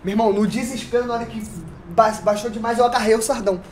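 A man with a Brazilian accent telling a story on a casual podcast, animated, full of slang and sound effects. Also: very high-pitched, fast, slight background noise. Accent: Brazilian Portuguese.

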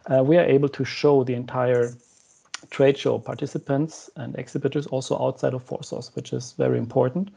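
A man's voice: mid-range voice, fairly even intonation, brisk, creaky, mellow, breathy edge. A young man, a company co-founder, explaining a product step by step on a video call, with frequent "um" fillers. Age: young adult. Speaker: guest, co-founder of the company discussed. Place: room at home with shelves, indoors. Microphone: wired earphone headset mic.

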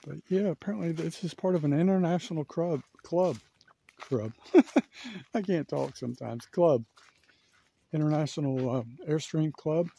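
A vlogger gives a relaxed walking tour of a campground, recorded outdoors on a handheld camera while he moves. His slightly high voice is gravelly, dark and husky, delivered at a moderate pace, and he thinks out loud with frequent fillers.

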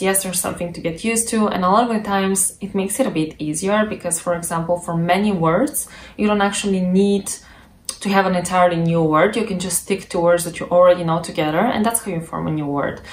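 A woman's voice: fairly low pitch, reverberant, a little hiss or hum. A woman giving a casual, reassuring explainer about learning a language, chatty with frequent asides. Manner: chatty, reassuring, many "you know" asides.

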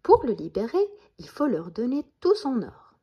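A woman's voice: on the high side, huge pitch swings, normal speed, husky, muffled recording, heavily acted. A woman voicing a clever tiny storybook boy. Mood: cunning. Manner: soft storybook telling. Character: clever tiny boy hero, brave and calm.

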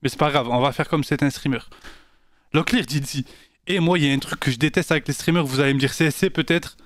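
A male streamer with a high voice talks loosely and animatedly to his chat. He sounds close and dry, with no room around him, and his slangy, off-the-cuff delivery keeps things informal. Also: quick pace, a bit bright, dry recording. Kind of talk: casual live-stream chat.

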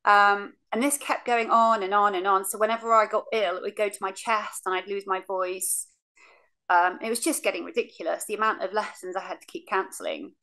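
Sitting on a sofa in her living room, a woman tells her cancer story frankly during a remote interview picked up by her webcam on a video call. Her mid-range voice is brisk, bright, and forceful; she recounts things casually, says um a lot, and acts out lines she remembers.

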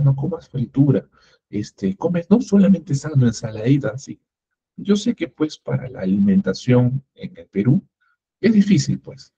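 On a muffled, lo-fi recording, a male workshop instructor with a dark, husky, medium-pitched voice teaches entrepreneurship. He poses rhetorical questions and acts out small everyday dialogues.

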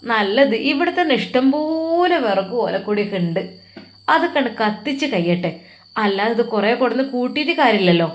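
A woman's voice: on the high side, animated, brisk, lightly acted. A woman voicing a demanding mother-in-law giving orders to her new daughter-in-law. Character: middle-aged mother-in-law, bossy.

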